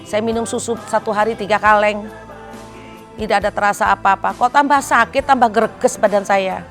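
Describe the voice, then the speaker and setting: A woman's voice: medium pitch, steady tone, moderate pace, faint music behind. A middle-aged woman with an Indonesian accent, giving an emotional personal testimony in church. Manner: emotional, heartfelt storytelling, pleading in recalled prayer.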